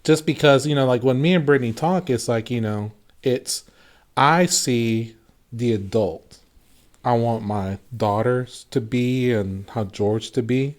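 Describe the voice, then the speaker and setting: A man in his thirties talks in an earnest, reflective way on a casual faith podcast. His voice sits at an ordinary middle pitch. He keeps circling back with fillers and restarts. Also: a little slow. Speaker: podcast co-host.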